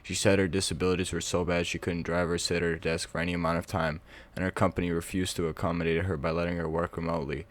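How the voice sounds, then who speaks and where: A man's voice: low voice, level tone, quick pace, few pauses. A man reading stories aloud for his vlog in a casual, offhand way, with mumbled asides. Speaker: Reddit reading vlogger.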